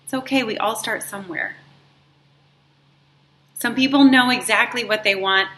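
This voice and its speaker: A woman hosting a motivational talk for her viewers, her voice bright and forward. She speaks encouragingly and lingers on the words she wants to stress. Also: a little high. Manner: warm, encouraging, drawn-out emphasis on words. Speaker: life coach and show host. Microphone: live stream setup.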